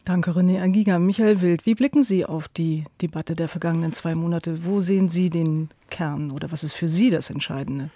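High, gravelly man moderating. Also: a little fast, hardly any pauses, mellow, no echo. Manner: polite, probing questions. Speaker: radio host. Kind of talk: moderating a radio discussion.

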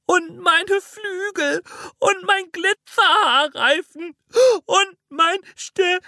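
A reader voicing a tearful, excitable little girl with a high, squeaky voice that breaks into sobs, for a children's audiobook. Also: takes it slowly, dry recording, clean studio sound, heavily acted. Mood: whiny sobbing.

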